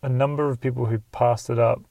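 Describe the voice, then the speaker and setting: A man co-hosting a casual movie chat, playful and teasing, with quick interjections. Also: medium pitch, steady tone, vocal fry, dark tone, no room sound, recorded from a distance. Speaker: podcast co-host. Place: in a car.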